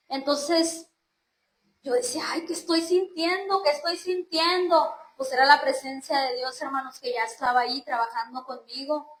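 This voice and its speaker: An earnest woman from Mexico shares her religious testimony, often turning to address her listeners as brothers and sisters. Her voice sits high. It rings in a roomy, echoing space. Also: fairly bright tone. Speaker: churchgoer giving testimony. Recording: roomy echo.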